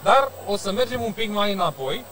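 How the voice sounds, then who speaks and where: A man hosting a casual live social media interview, chatty and teasing, with filled pauses. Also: sits high, animated, a bit bright, soft background music. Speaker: host. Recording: live with crowd noise.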